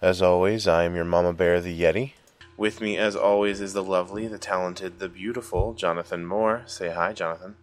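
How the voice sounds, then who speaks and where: Speaking a little fast in a deep, steady voice, this American podcast host keeps the chat casual. He opens with playful introductions and asks loose, thinking-aloud questions.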